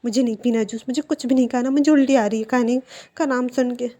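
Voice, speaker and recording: Whiny, clingy pregnant young man, high and mellow, read in a storybook telling by a woman narrator. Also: fairly even intonation, quick pace. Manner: whiny, pleading.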